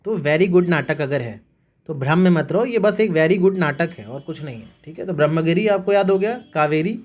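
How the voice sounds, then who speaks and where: A man's voice: on the high side, lively intonation, moderate pace. A man teaching exam students memory tricks, repeating points and checking in with them as he goes. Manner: repetitive, coaxing, checks in with "theek hai". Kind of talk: mnemonic lesson.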